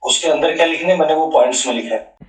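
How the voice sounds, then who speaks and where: A man's voice: a little high, fast. A man, a student, politely and eagerly asking the teacher to check his answer sheet. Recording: echoey remote audio from far.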